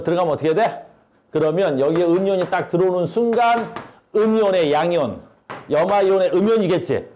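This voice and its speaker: A man's voice: sits high, dark tone, highs cut off, slight background noise. A male science teacher giving a classroom lecture, blunt and slangy, asking his students questions all the time.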